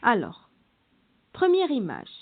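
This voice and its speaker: A woman's voice: fairly high pitch, wildly swooping pitch, slow pace, slightly rough. A woman teacher leading a reading lesson for children, sounding out syllables one by one and repeating each instruction. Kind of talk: slow classroom reading lesson. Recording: tinny phone-like audio.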